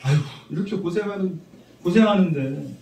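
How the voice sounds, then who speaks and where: A middle-aged man preaching a sermon as pastor, conversational and animated, teasing his congregation. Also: high voice, moderate pace, gravelly. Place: church sanctuary. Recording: roomy church sound from a distant mic.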